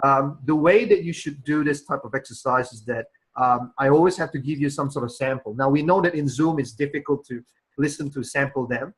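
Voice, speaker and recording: A man with a husky, slightly rough voice teaches an online English class. He explains patiently, often pausing on fillers and restarts. The sound comes through a video call. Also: mid-range voice, rough recording.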